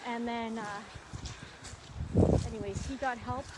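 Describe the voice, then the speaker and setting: A woman chatting casually as she guides a walking tour outdoors, telling stories in an animated way and acting out reactions. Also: on the high side, unhurried. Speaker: sanctuary founder and tour guide. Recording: noisy outdoor recording, clicks and footsteps.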